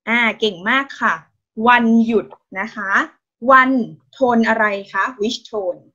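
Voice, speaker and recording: A woman with a Thai accent teaches an online language class, speaking very slowly and patiently in a fairly high voice. She keeps encouraging her students with praise and polite particles. The video call audio sounds dull and muffled. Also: pushed and bright, slightly rough. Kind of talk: online Thai lesson, mixing Thai and English.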